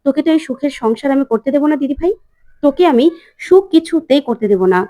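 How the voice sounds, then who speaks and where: A woman's voice: high-pitched, quick pace, warm tone, no room sound, clean studio sound, natural voice. Titli, a woman voicing a scheming jealous younger sister. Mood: sulky.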